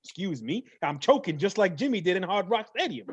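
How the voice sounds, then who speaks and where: A man hosting a casual mock draft talk show, animated and playful, hyping up picks. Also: high voice, fairly quick, breathy edge, no echo.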